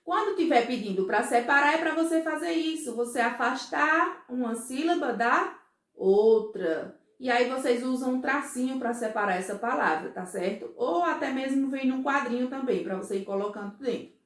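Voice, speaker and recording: Her voice sits high, with lively intonation and a fairly bright tone in a reverberant space. She's teaching young first graders a recorded remote class in Brazilian Portuguese, going slowly and patiently and frequently asking "certo?" and saying "ó" to make sure they follow.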